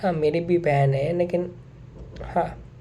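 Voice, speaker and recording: A young man with a very dark, mellow voice talks to his viewers in an earnest, unscripted monologue. He circles back over his points and drops English phrases into his speech. A faint hiss of noise sits under him. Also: fairly high pitch, steady tone, takes it slowly. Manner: earnest, repeats himself, mixes in English phrases. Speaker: vlogger. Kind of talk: casual monologue to camera.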